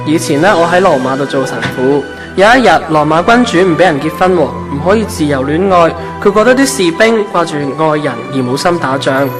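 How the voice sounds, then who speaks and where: In a Hong Kong Cantonese radio drama, a man plays a kindly, easygoing ancient saint of love, sounding breezy and reassuring. His fairly high, expressive voice moves briskly with hardly any pauses and stays close to an everyday voice, with background music under it.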